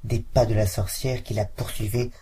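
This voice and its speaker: A woman reading a fairy tale aloud to a child with lively expression. Her voice is very low and noticeably husky. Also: normal speed.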